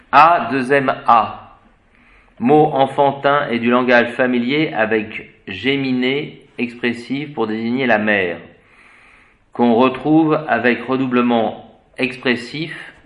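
A man giving an unscripted etymology lesson, spelling words out letter by letter and pausing to search for the right term. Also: mid-range voice, muffled recording. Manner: hesitant, searches for words with fillers. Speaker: etymology teacher.

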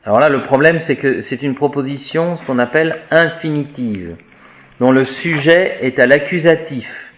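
A man's voice: medium pitch, fairly bright tone, a little hiss or hum. A man teaching Latin grammar to a class, chanting declensions and explaining word by word. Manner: chants declensions, slow and deliberate. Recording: echoey room, dull lo-fi sound.

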